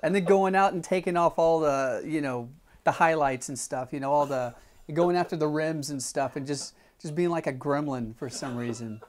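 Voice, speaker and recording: A man's voice: on the high side, normal speed, a little hiss or hum. A man in casual chat, musing hesitantly with restarts.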